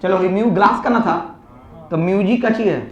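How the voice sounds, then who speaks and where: A man's voice: high voice, normal speed. A man teaching physics in a classroom, coaxing students with repeated questions. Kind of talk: classroom lecture. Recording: echoey room, dull lo-fi sound.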